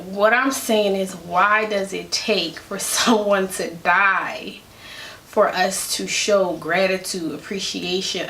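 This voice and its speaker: A woman's voice: medium pitch, a bit bright, a little hiss or hum. Chatty woman vlogger in an echoey room. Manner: chatty, opinionated, rambling asides. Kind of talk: casual commentary to camera.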